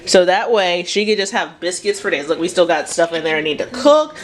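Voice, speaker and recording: Chatty young mother, lowish voice. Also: fairly quick. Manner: chatty, rambling, bursts into excited cheers. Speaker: home cook and mother. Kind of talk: casual vlog chat.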